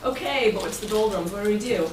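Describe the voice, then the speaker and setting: Animated and quick, this club president has a mid-range voice and keeps her meeting presentation informal and playful, cracking jokes and inviting answers. A far-off mic catches her amid the echo and noise of the meeting room.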